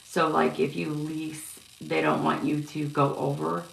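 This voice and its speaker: A woman giving a casual psychic reading on a live stream, talking haltingly with many fillers and restarts. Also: low voice, little pitch movement, creaky. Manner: halting, filler-heavy, yawning. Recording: echoey room with faint noise.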